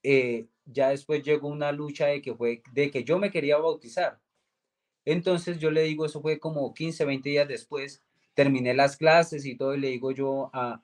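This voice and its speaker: A young man giving a personal faith testimony, earnestly retelling events and acting out the dialogue. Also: a little mellow. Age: young adult. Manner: earnest storytelling, acts out quoted dialogue with raised pitch. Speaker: guest giving a religious testimony.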